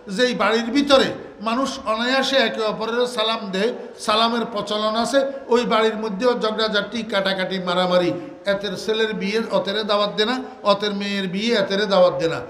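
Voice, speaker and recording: An older man with a Bangladeshi Bengali accent preaching a waz sermon, asking the crowd questions, answering them himself, and drawing out Arabic words slowly in a half-sung way. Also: sits high, a bit bright. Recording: echoey hall reverb.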